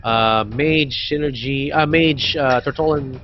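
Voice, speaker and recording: A man co-casts an esports match live, pausing often and filling the gaps with fillers. His voice comes through muffled, lo-fi stream audio. Loud game music plays underneath. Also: medium pitch. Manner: halting, with many fillers. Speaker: esports caster.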